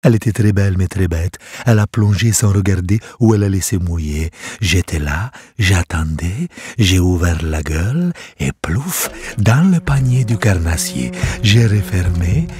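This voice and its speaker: A man's voice: low voice, animated, measured pace, slightly rough, dry recording, pitched below the performer's own voice, exaggerated voice. A man voicing a vain, elegant female trout with a genteel, coaxing manner in a storybook reading. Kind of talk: storybook character voice. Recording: soft music behind.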